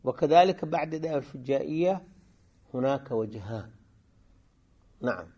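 A man teaching a grammar lesson, often pausing to quiz his students and repeating key phrases. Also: mid-range voice, lively intonation, warm tone, slightly rough, highs cut off. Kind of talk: classroom lesson explaining a grammar poem.

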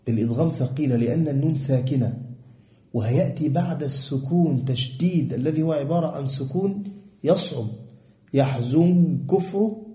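A man with an Egyptian accent teaching Quran recitation rules to a class, quizzing students with fill-in questions and chanting quoted verse lines slowly. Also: medium pitch, mellow, echoey room. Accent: Egyptian Arabic.

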